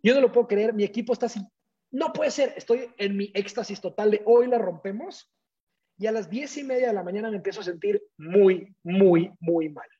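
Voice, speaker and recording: A man, a guest telling a personal story in an animated way and acting out the dialogue. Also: high-pitched, fast, few pauses, breathy edge. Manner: animated, acts out quoted dialogue. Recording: dull lo-fi audio.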